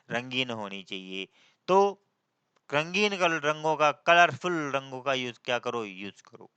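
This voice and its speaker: A man teaching English grammar in a Hindi-English lesson, asking his class questions and answering them himself, and slowing to a dictating drawl as he writes. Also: fairly high pitch, sharp tone, smooth, no echo. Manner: slows to a dictating drawl while writing.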